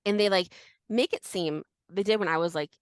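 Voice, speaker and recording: A woman's voice: mid-range voice, brisk, clear, resonant tone, dry recording. A woman co-hosting a podcast in casual chat, telling the story in a chatty way full of fillers. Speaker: podcast co-host.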